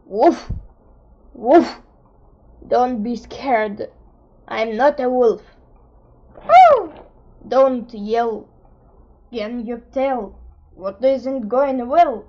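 A woman voicing a gruff, loyal male dog in a slow, rhymed storybook reading. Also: on the high side, fairly even intonation, mellow, muffled recording, pitched below the performer's own voice.

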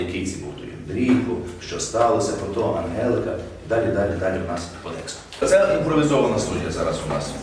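Man teaching narration in an echoey room. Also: medium pitch. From Ukraine. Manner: explaining, demonstrating readings, light laughs. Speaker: acting teacher leading a master class. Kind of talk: coaching audiobook narration. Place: improvised studio in a room. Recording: very echoey room, distant mic, faint noise.

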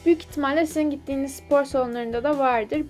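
A woman's voice: high-pitched, fairly even intonation, quick pace, a little mellow, faint music behind. A young woman vlogger talking casually and explaining a workout step by step in an instructive, slightly self-deprecating way. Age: young adult. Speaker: fitness vlogger.

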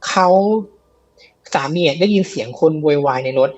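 A man's voice: on the high side, moderate pace, slightly rough, highs cut off. A man telling a ghost story in a casual, chatty way, with many fillers and repeats, on a live show. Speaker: guest storyteller of ghost stories.

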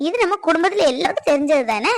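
A woman's voice: very high voice, lively intonation, fast talker, no echo. A woman playing a protective middle-aged mother who talks in a consoling yet scolding way, in a family skit.

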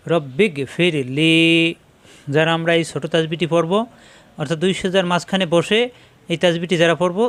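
A man teaching Quran recitation in Bengali, spelling out each syllable step by step and drawing out words slowly when he models them. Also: fairly high pitch, a bit bright. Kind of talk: step-by-step spelling and pronunciation lesson.

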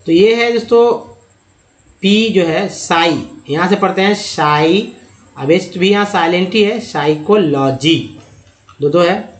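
Man, language English lesson, repetitive patient explaining, fairly high voice, echoey room. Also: a little slow. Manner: repetitive, explanatory, addresses viewers as friends. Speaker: English teacher.

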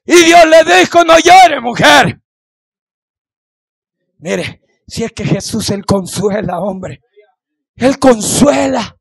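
A male pastor preaching a fervent sermon in a church, shouting refrains and dropping to hushed pleas, questioning the congregation. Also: extremely high pitch, gravelly, no room sound. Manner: repeats "santo es el Señor" and questions the congregation.

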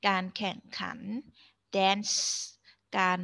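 A woman's voice: mid-range voice, level tone, very slow, pushed and bright, clear, resonant tone. A woman teacher giving an online English lesson to primary pupils, explaining patiently and mixing with English words.

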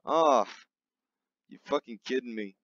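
A man's voice: mid-range voice, measured pace, a bit bright, no room sound, lo-fi sound. A man hosting a satirical show, delivering a profane, repetitive, mocking comedy rant. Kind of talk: ranting comedy monologue.

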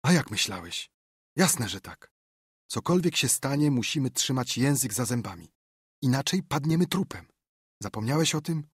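A man voicing a frightened, excitable young boy in an audiobook, speaking in an urgent, higher whisper. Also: normal speed, husky, no echo, clean studio sound. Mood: scared whisper.

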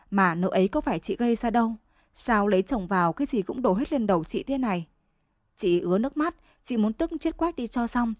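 A woman's voice: mid-range voice, no echo. Woman narrating a village story, dry sound. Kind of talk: scripted narration, bedtime story reading.

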